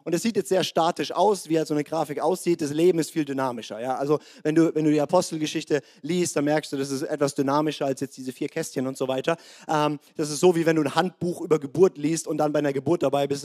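A man preaching a sermon in a lively, conversational way, acting out the biblical figures, his voice a bit strained this morning. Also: on the high side.

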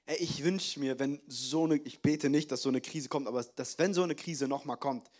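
A young man preaching a sermon as pastor, lively and joking, slipping in English phrases. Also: medium pitch, normal speed.

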